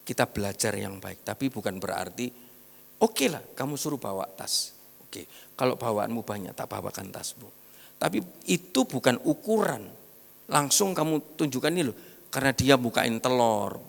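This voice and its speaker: Gravelly East Javanese preacher in a hall. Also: male voice, lowish voice. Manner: storytelling, mixing in regional slang, acting out quoted voices. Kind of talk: sermon. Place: large church hall. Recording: long hall reverb.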